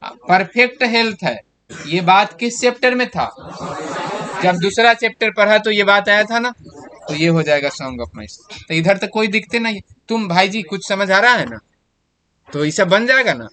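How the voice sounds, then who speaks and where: Here a 30-something man leads a class through exam answers, breaking them down step by step and posing questions to students. His expressive voice sits high, sounds pushed and bright, and moves at a moderate pace.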